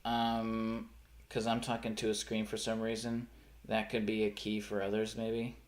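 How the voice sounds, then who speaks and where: This young man's low voice is completely flat and a little slow, with a bit of hiss or hum on the audio. Chatting casually on a live stream with a faint rural Pennsylvania accent, he rambles, corrects himself, and keeps trailing off and restarting sentences.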